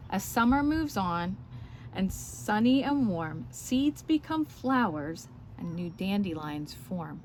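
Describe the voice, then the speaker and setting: Speaking slowly with big swings in pitch, a woman with a mid-range, slightly mellow voice leads a read-aloud and show-and-tell for young children. As a story time teacher and reader, she explains things and asks the kids questions along the way. A faint hiss or hum is present.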